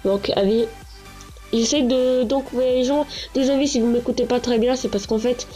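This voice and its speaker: A gaming channel host, congested from a cold, lies in a small echoing bedroom giving loose, rambling commentary on her gameplay, with many fillers and restarts. Her voice is a little high and mellow, with fairly even intonation at a normal speed. Game music plays, and a handheld console camera does the recording.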